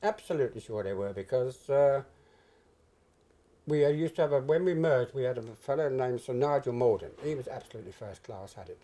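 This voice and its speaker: A man's voice: mid-range voice, lively intonation, fairly quick, dark tone. An older man with a British accent, reminiscing in an interview in a conversational, hesitant way, repeating phrases for emphasis. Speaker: interviewee, retired stock jobber. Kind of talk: reminiscing in an oral history interview.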